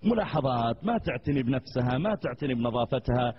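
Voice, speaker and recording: A man's voice: mid-range voice, expressive, quick pace, muffled recording, background noise, voice pushed down, natural voice. A man voicing an eager young man who pleads and rambles on at length. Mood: earnest rambling. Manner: pleading, long-winded.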